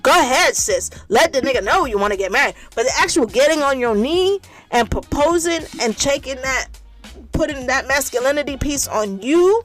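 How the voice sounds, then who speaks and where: A woman with a fairly high voice holds forth alone on her podcast in a loose, unscripted rant. She is blunt and profane, hammering her points by saying them again and again. Soft music plays faintly underneath. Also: expressive, moderate pace. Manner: blunt, profane, emphatic, repeats points for effect. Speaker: podcast host. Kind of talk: casual monologue rant.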